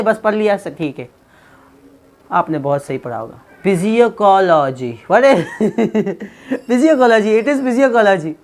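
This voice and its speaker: A man with a voice that sits high teaches English pronunciation in a casual video lesson, joking and teasing his viewers as he explains and dropping English phrases into his talk.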